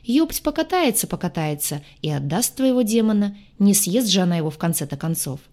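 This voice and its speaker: A woman's voice: mid-range voice, animated, fairly quick, darkish tone, close to an everyday voice. A woman voicing a sarcastic young alien mechanic. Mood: soothing. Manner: mocking, joking.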